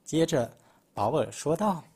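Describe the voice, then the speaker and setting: A man from Malaysia narrating a children's picture book, expressive storytelling. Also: a little high, unhurried, breathy edge.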